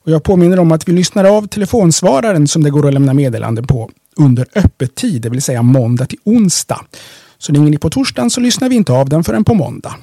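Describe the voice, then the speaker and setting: A man reading library audiobook tips from a script in a measured, steady way. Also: on the high side, no room sound, clean studio sound.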